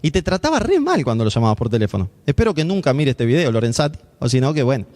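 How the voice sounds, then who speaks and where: A man's voice: medium pitch, sing-song, quick pace, darkish tone, long reverb tail. A man with an Argentine accent preaching a sermon as a pastor. He tells a personal story and acts out the voices of the people in it. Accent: Argentine Spanish.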